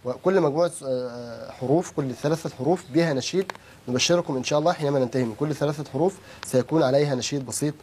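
A man teaching Quran recitation who explains quickly and chants syllable drills slowly. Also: a little high, darkish tone, a little hiss or hum. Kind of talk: teaching lesson with rhythmic drills.

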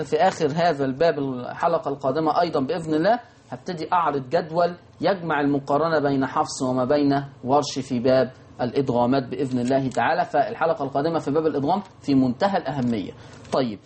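A man with an Egyptian Arabic accent teaching Quran recitation rules, answering imagined student questions and chanting verses slowly. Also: on the high side, darkish tone, a little hiss or hum. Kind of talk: televised recitation lesson.

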